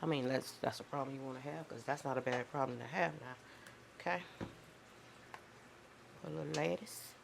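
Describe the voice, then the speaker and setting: Low, gravelly woman. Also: a little fast, pauses often, noisy background. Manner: chatty, folksy, talks to viewers as y'all. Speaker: cooking channel host. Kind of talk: casual cooking vlog chat.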